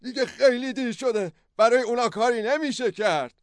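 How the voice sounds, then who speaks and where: A man voicing a frightened grown man who shouts urgently in a story reading. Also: medium pitch, very animated, dry recording, studio quality, lightly acted. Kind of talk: audio drama storytelling.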